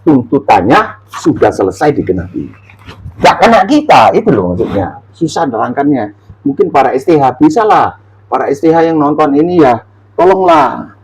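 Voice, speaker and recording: A man preaching informally, reading Bible verses and acting out quotes in an animated way. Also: mid-range voice, normal speed, husky, rough recording. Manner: animated, laughs often, acts out quotes.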